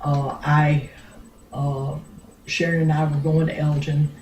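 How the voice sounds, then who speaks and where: An older grandmother telling a family story in a rambling, blunt way, with many pauses and restarts. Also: deep voice, level tone, darkish tone, a little hiss or hum. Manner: blunt, earthy, with mild swearing. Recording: roomy home recording.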